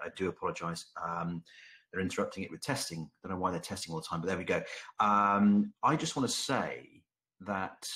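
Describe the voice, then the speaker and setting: A man's voice: deep voice, pushed and bright. A man hosting a live voice chat, asking the guest questions in a hesitant way, with many ums and repeats.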